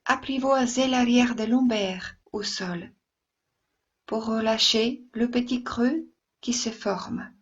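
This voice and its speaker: A woman yoga instructor guides a relaxation meditation softly, soothingly, and gently, leaving long pauses between phrases. Her voice is on the high side and husky, and the sound is lo-fi.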